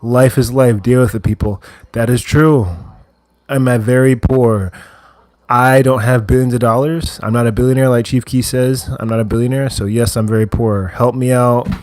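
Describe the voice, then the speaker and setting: A man hosts a relaxed livestream from a kitchen while he cooks. His voice sits in a middle register, and he talks in an easygoing way as he reads viewer comments aloud and answers them one by one. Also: mid-range voice, moderate pace, no room sound. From Wheaton, Illinois, USA. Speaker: livestream host. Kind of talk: casual livestream chat while cooking. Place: kitchen, indoors.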